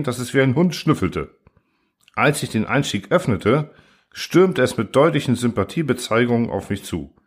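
A man reading a first-person science fiction story aloud in a calm, even storytelling manner. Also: medium pitch, slightly rough. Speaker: audiobook narrator.

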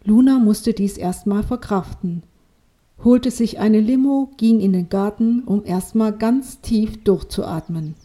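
A woman narrating a children's story in a calm, unhurried reading. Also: medium pitch.

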